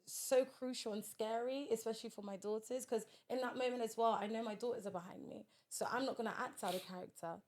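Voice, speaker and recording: A woman's voice: on the high side, fairly even intonation, fast talker, few pauses, darkish tone. Direct woman telling a story. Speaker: podcast guest. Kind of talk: casual podcast conversation.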